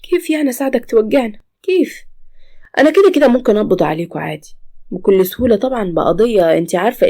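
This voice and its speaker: A woman's voice: mid-range voice, a little mellow. A woman voicing a stern, threatening male police officer in a storybook tale. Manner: menacing, interrogating.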